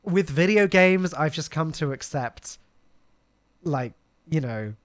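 A man's voice: on the high side, expressive, slow, no room sound. A man hosting a live podcast, chatting casually, laughing often and talking with lots of fillers and restarts. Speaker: podcast host.

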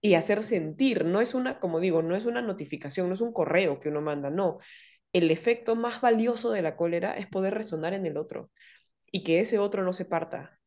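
A woman's voice: medium pitch, a little fast, muffled recording. A woman therapist, explaining ideas in a casual podcast conversation and often acting out quoted dialogue. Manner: explanatory, acts out quoted dialogue in lively voices.

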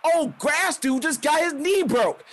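A man voicing a proud, furious woman wrestler who calls herself a warrior goddess, shouting indignantly. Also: on the high side, extremely slow.

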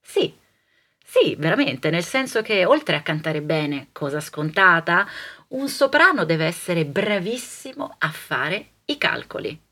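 Theatrical woman with a very lively voice. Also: a little slow, breathy edge. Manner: theatrical, ironic, lively swings in pitch and loudness. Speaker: soprano, comic monologist. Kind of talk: comic stage monologue.

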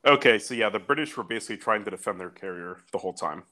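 A man's voice: on the low side, lively intonation, racing, bright, forceful tone. A young man co-hosting a casual podcast, reading war facts aloud with loose, profane asides. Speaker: podcast co-host. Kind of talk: casual chat.

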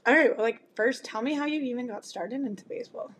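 A woman with a hoarse smoker's rasp from screaming, hosting a casual interview. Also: a little high, quick pace, slight background noise. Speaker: podcast host.

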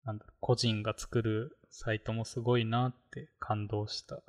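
A man's voice: fairly low pitch, flat delivery, moderate pace. A man chatting casually about tech on a podcast, rambling with many fillers. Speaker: podcast co-host.

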